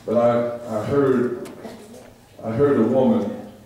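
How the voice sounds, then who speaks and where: A man's voice: medium pitch, steady tone, takes it slowly, crowd noise. Middle-aged male pastor, call-and-response preaching, miked from the pulpit but heard from far off in a roomy sanctuary. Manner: repeats phrases, call-and-response with the congregation. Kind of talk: preaching a sermon. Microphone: handheld mic, filmed by a far camera. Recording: echoey church room, far-off camera. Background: congregation murmuring responses.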